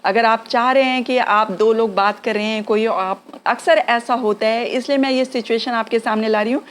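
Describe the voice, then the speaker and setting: A woman teaching spoken English, slowly repeating example phrases for learners to copy. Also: on the high side, steady tone. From India. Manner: slow drilled repetition of example phrases.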